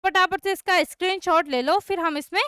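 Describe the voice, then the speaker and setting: A woman's voice: very high-pitched, fairly quick, sharp tone, no room sound, studio quality. A young woman teaching a chemistry class online, often checking that students have understood. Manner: repeats checks like "clear?" and "okay" to students.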